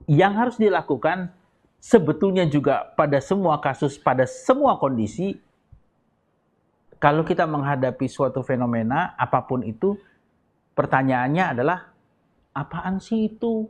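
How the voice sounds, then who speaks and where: A man's voice: on the high side, expressive, moderate pace, long pauses. A man, a psychiatrist, talking casually and acting out little dialogues in a raised voice. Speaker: psychiatrist guest. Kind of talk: casual explanatory talk.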